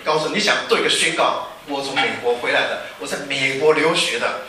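Guy in his 50s giving a church talk, quick and jokey, very bright voice, far off in an echoey hall. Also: mid-range voice. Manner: joking, rhetorical questions. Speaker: speaker addressing new overseas students.

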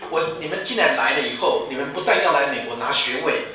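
Bright-voiced man preaching in an echoey hall. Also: on the high side, lively intonation, quick pace. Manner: chatty, teasing rhetorical questions, laughing asides. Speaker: pastor and former professor. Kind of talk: informal sermon to students. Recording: echoey room from a distant mic.

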